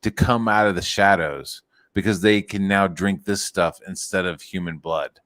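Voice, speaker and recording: A man's voice: sits low, normal speed, fairly bright tone, no echo. A man hosting a podcast, chatting casually and crudely, rambling and acting out quotes. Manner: crude, rambling, acts out quotes in exaggerated voices. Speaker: podcast host. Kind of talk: casual comedic chat.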